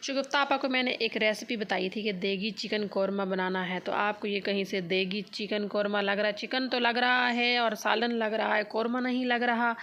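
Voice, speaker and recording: A woman's voice: medium pitch, fairly even intonation, moderate pace, hardly any pauses, a bit bright. A woman from Pakistan with a Pakistani Urdu accent, a tired mother chatting and teasing in a casual family vlog at home. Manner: chatty and teasing, talks straight to her viewers. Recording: echoey room with faint noise.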